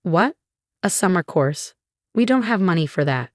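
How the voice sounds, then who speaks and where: A woman's voice: on the low side, big pitch swings, moderate pace, no echo, studio quality. A woman narrator voicing a cold, dismissive mother who scolds curtly. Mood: scornful. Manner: curt, belittling.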